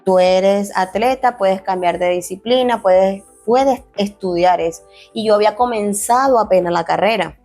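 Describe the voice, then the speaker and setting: Over faint music, a former athlete who now works as a fitness coach, a young adult woman, tells her life story in an interview. Her voice is medium-pitched, a touch mellow and moderately paced; she's earnest and emotional, often restarting phrases and acting out the dialogue she quotes.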